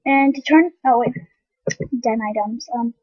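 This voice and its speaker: A woman's voice: fairly high pitch, a little slow, dry recording, muffled recording. A young woman giving rambling, casual commentary on an online game, full of ums and restarts. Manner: eating while talking. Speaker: game vlogger.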